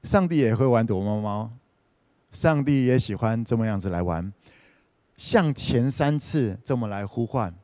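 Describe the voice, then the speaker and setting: Male pastor, middle pitch, conversational storyteller, close dry recording. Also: expressive, measured pace, a little mellow, dry recording. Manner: chatty, retells scripture scenes playfully, sprinkles "OK". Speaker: preacher. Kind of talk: casual storytelling sermon.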